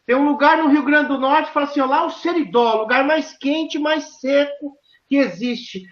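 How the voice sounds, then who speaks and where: A high-pitched woman with a southern Brazilian accent tells stories animatedly, acting out the voices of the people she quotes. Her questions come out emphatic. The recording sounds roomy and dull, like a lo-fi capture in an echoey room. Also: normal speed. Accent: southern Brazilian Portuguese. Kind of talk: animated storytelling conversation.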